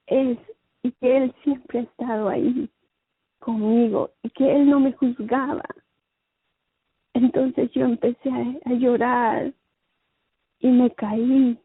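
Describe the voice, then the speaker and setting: A woman tells her personal testimony in a slow, husky, slightly high voice. She halts and repeats her phrases. It sounds like a dry, tinny phone-line recording. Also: dry recording. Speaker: guest giving a religious testimony.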